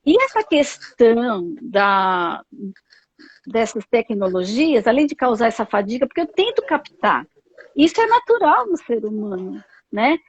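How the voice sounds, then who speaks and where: A Brazilian woman psychologist speaks on a live video interview. Her voice sits high and carries a husky edge, dry and close. The call audio is dull and lo-fi. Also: very animated, a little slow, no echo. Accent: Brazilian Portuguese. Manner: thoughtful, many fillers and tag questions. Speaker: psychologist guest.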